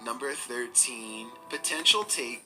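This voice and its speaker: Man, scripted countdown narration, steady measured delivery, mid-pitched, clear music underneath. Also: rough recording.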